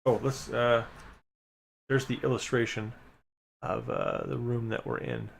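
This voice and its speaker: A man's voice: medium pitch, expressive, measured pace, gravelly. A man streaming a live reading of an adventure gamebook, reading passages aloud and making chatty, wry asides to his chat. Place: home streaming setup.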